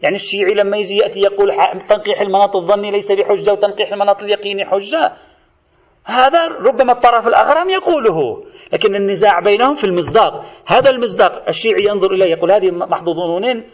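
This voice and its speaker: A man delivers a seminary-style lecture in a quick, higher-pitched voice, explaining points in order and turning to his students as he goes. The recording is dull and lo-fi. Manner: explanatory, addresses students directly.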